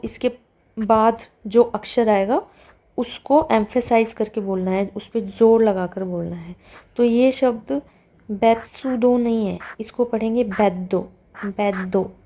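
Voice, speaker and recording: Slow, mellow-voiced woman language teacher. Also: on the high side, a little hiss or hum. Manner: slow, careful explaining, drawing out the Japanese words. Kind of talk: explaining a textbook exercise.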